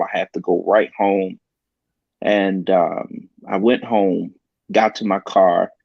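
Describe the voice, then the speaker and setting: A pastor recounts a personal story in an earnest, halting way, stopping often on ums. His voice sits low. The sound is dull and dry, like a lo-fi talk-show recording. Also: creaky, darkish tone, no echo.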